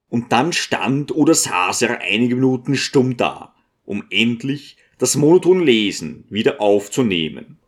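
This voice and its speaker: Slow, expressive male storyteller. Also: medium pitch. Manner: measured and expressive. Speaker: audiobook narrator. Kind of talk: scripted literary narration.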